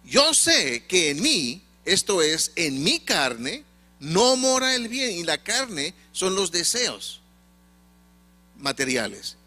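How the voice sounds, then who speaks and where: Guy preaching, high bright voice, jumps all over, some hum behind. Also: big pitch swings, faint music behind. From Monterrey, Mexico. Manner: emphatic preaching with sudden pitch swings and pauses. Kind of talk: sermon.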